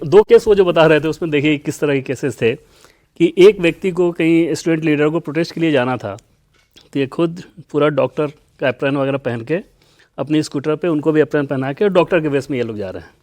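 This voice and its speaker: Male news anchor, conversational, slightly high voice. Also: darkish tone. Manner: conversational, retelling anecdotes. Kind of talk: studio discussion.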